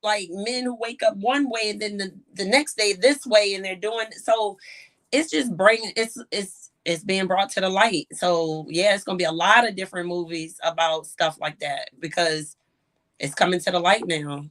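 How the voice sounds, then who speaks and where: A woman guest in a casual chat, talking earnestly and thinking out loud. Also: mid-range voice, moderate pace.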